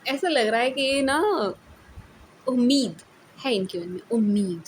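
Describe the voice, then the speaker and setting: A woman's voice: on the high side, expressive, measured pace, slight background noise. A woman with an Indian accent giving a casual, chatty tarot reading, mixing English words into her talk and often checking in with her listeners. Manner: chatty, mixes English into Hindi, repeats "theek hai ji". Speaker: tarot reader.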